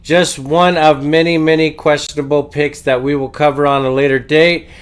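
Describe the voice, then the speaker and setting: A man hosting a political show, giving opinionated news commentary while congested with a head cold, halting often with drawn-out uhs. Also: on the high side, flat delivery, smooth.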